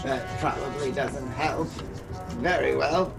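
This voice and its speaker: A man's voice: mid-range voice, slow pace, gravelly, music in the background. A man playing a tabletop game, joking and laughing between moves. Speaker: player. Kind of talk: casual tabletop play.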